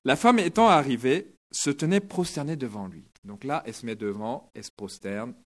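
Guy preaching, lively storyteller, dramatic retelling. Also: mid-range voice, moderate pace. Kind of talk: sermon.

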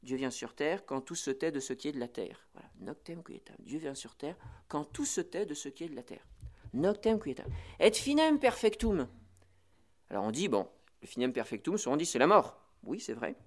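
Chatty priest explaining Latin prayers. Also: male voice, on the high side. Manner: lively, chatty teaching peppered with "voilà" and "vous voyez"; reads Latin phrases slowly, then explains them. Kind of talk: spiritual instruction on the prayer office.

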